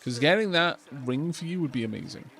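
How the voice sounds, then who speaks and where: A man's voice: fairly high pitch, lively intonation, a little fast, vocal fry, fairly bright tone, soft background music. A man who streams games, chatting casually as he comments on his play. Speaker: game streamer.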